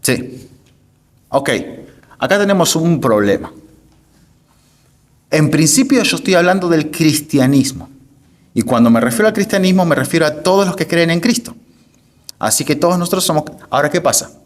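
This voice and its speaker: A pastor giving a teaching lecture to a congregation, emphatic, repeating phrases and often asking the room whether they follow. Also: male voice, on the high side, animated, moderate pace, pauses often. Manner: asks the audience frequent checking questions.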